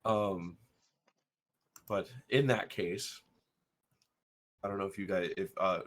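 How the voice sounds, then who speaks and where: Low-voiced man playing a tabletop game. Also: fairly even intonation, slow, a bit bright. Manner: chatty, laughs between words. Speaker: player.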